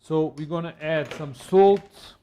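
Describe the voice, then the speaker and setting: Relaxed man talking through a recipe. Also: on the high side, dull audio, a little hiss or hum. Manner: relaxed, halting, with many fillers. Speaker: home cook. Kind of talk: casual cooking demonstration.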